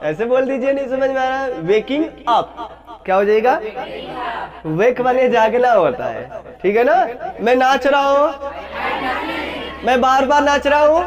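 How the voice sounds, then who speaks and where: High-voiced teacher drilling a class. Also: male voice, animated, measured pace, pauses often, lo-fi sound, crowd noise. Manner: drills phrases aloud, asks class often. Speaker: English teacher. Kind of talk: classroom lesson.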